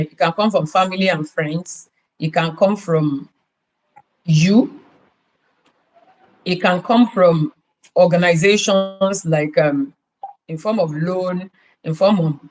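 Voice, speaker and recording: The recording is low-quality, but the mid-range voice of a podcast host with a Nigerian accent comes through as he offers business advice. His delivery is emphatic, packed with rhetorical questions and repeated key words.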